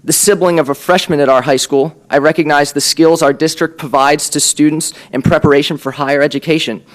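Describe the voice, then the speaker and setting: A young American man in his late teens with a raspy whiskey voice, giving a formal, earnest prepared speech at a meeting. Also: fairly high pitch, fairly even intonation, a little fast, low-quality recording. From Pennsylvania, USA. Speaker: student candidate for a school board. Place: public board meeting room.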